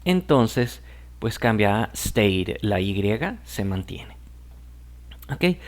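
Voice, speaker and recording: A man's voice: lowish voice, very animated, drawn-out words. Man patiently teaching, checking in often. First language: Spanish. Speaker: English teacher. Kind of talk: explaining grammar lesson.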